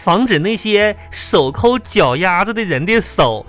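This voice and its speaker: A woman with a broad Northeastern Mandarin accent does comic patter, her pitch swinging widely as she gushes and exclaims. Her delivery is chatty and theatrical, and music plays behind her. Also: lively intonation, unhurried. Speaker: comic performer. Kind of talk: comic crosstalk dialogue.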